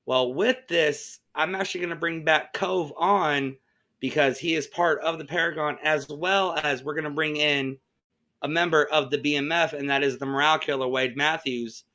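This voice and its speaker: A man hosting a wrestling talk show in a casual, halting, hesitant way. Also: fairly high pitch, steady tone, pushed and bright. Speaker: host.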